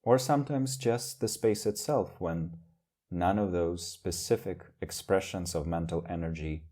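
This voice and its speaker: Gentle and measured, a low-pitched male teacher talks listeners through a guided meditation, leaving long pauses as he goes.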